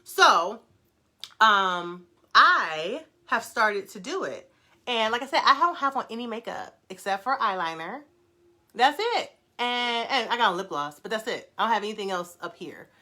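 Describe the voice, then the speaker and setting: Fast-talking, bright-voiced woman live-streaming. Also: on the high side. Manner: fast-talking, excited, reads viewer comments aloud. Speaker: brand owner hosting a live stream. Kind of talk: casual live-stream chat.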